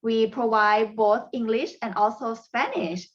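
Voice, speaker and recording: A Thai woman, a native Thai speaker with a Thai accent, presents parent coaching strategies during a webinar. She pauses often, uses fillers and non-native phrasing, and speaks in a steady, fairly high voice. The sound is lo-fi.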